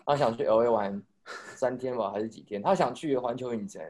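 Fast-talking young Taiwanese man. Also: mid-range voice, crowd noise. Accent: Taiwanese Mandarin. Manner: rapid rambling storytelling with swearing and restarts. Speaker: podcast co-host telling a story. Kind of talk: casual chat.

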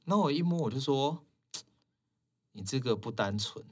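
A man's voice: mid-range voice, moderate pace, breathy edge. A man, a hairstylist guest in a casual chat, telling stories with animation and acting out the lines of the people he quotes. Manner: animated, acts out quoted dialogue in shifted voices.

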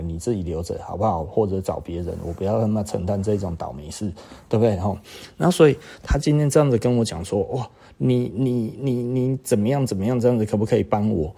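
A man's voice: on the low side, gravelly, warm tone, slightly rough. A man with a Taiwanese Mandarin accent hosting a podcast, telling a story in a chatty monologue and often checking with the listener. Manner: chatty storytelling, keeps asking "right?". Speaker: podcast host. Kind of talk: casual monologue.

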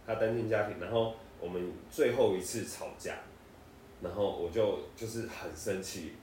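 A man's voice: lowish voice, normal speed, a little mellow, distant mic. A man in his twenties with a Taiwanese Mandarin accent, co-hosting a casual podcast chat, telling stories and laughing often. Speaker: podcast co-host. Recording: echoey room, voice off-mic, faint noise.

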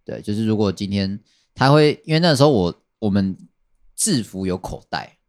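A man's voice: lowish voice, expressive, moderate pace. A man chatting casually on a podcast, rambling and repeating his phrases with many fillers. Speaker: podcast guest telling a work story.

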